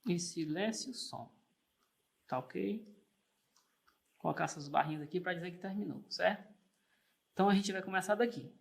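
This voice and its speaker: A man's voice: sits high, fairly even intonation, normal speed, vocal fry, pauses often. A man teaching an online music theory lesson, patient and encouraging, often checking in with the learner and singing single sustained notes while clapping the beat.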